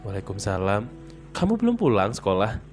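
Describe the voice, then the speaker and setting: A man's voice: on the low side, huge pitch swings, brisk, soft background music, voice pushed down. A man voicing a kind mother who greets a visitor in a spoken story. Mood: friendly. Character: kind mother cooking at home, welcoming.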